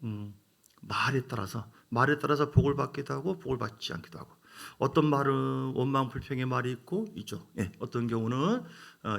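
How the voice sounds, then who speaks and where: Gravelly-voiced male pastor preaching emphatically. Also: mid-range voice. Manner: emphatic preaching with sudden loud rises and hushed asides. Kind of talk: sermon.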